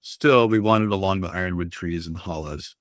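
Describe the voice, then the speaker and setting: A man reading a first-person story aloud in a steady, even manner. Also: sits low, fairly quick, dry recording, studio quality. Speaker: audiobook reader. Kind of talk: scripted first-person narration.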